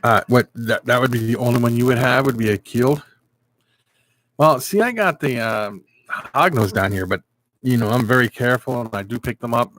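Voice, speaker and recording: A man's voice: mid-range voice, normal speed, a bit bright, a little hiss or hum. Chatty man hosting a live stream. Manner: rambling, chatty, talks to viewers by name. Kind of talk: casual live stream chat.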